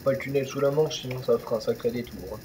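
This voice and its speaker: A man's voice: medium pitch, steady tone, fast, noisy background. A young man casually commenting on a truck driving game, rambling with many fillers and restarts. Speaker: gaming youtuber. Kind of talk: casual let's-play commentary.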